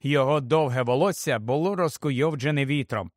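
A man reading an audiobook aloud in an expressive, steady storytelling manner. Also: medium pitch, fairly quick, dry recording, clean studio sound. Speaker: audiobook narrator.

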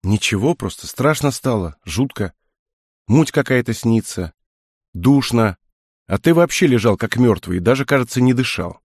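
A man voicing a sharp-tongued young woman. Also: mid-range voice, expressive, normal speed, no echo, clean studio sound. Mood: uneasy. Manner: sarcastic, uneasy. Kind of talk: audiobook dialogue.

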